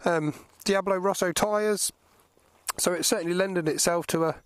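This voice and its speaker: A man's voice: high-pitched, steady tone, moderate pace, clean tone, no echo. A man speaking from inside a motorcycle helmet, giving a casual spoken review as he rides outdoors, with wind and road noise around the mic. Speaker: vlogger test-riding a motorcycle.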